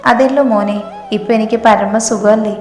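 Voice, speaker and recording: A melodramatic, bickering young wife with comic complaints, as a woman storyteller puts her on. The voice stays fairly even in pitch. A long reverb and faint music sit behind it. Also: moderate pace, natural voice.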